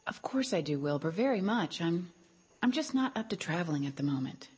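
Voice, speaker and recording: A gentle, wise mother spider from a family film. The voice sits a little low, and the words come measured and articulate, full of care. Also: big pitch swings, breathy edge, no room sound, exaggerated voice. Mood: gentle, evasive. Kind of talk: film character acting.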